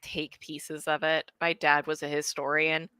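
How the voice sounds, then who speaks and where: A woman's voice: deep voice, completely flat delivery, measured pace, bright, forceful tone, clear, resonant tone, no room sound. A young adult woman from Ukraine hosting a casual book club discussion, thoughtful and hesitant with many restarts.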